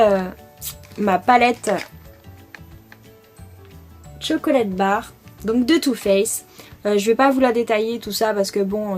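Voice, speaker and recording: A woman's voice: medium pitch, darkish tone. A young French woman chatting casually through a makeup product review, enthusiastic and full of fillers. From France. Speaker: beauty vlogger.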